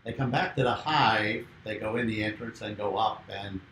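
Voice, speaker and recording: A man, a beekeeper, explaining hive work in a relaxed, casual discussion. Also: lowish voice, normal speed, roomy sound, slight background noise, rough recording.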